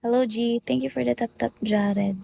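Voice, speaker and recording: Woman streamer on a phone, a bit high-pitched, greets viewers one after another in casual chat. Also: steady tone, normal speed, gravelly, dark tone, slight background noise, rough recording. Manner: chatty, rattles off viewer greetings. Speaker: livestream host.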